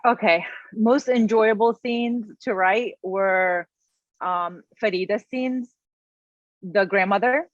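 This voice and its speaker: A woman's voice: mid-range voice, takes it slowly, no echo. Woman author in her thirties, earnest and emotional, personal storytelling, dry close sound, a bit muffled. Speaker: guest author. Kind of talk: casual interview conversation. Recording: dull, slightly lo-fi, dry sound.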